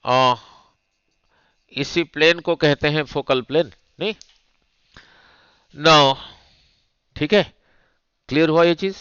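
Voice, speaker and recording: A male teacher explains optics at an unhurried pace, circling back over each point and checking whether the class follows. His voice sits a little high and sounds smooth and clear. The recording is dry but dull and lo-fi. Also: a bit bright, no room sound. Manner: slow, repetitive, checks understanding with rhetorical "nahin?". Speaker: physics teacher. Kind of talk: classroom lecture at a board.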